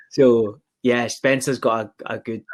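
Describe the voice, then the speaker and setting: A man's voice: mid-range voice, very animated, takes it slowly, a bit bright, breathy edge. A man with a Scottish accent from the Glasgow area, chatting casually and reminiscing in informal, sweary language. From Scotland.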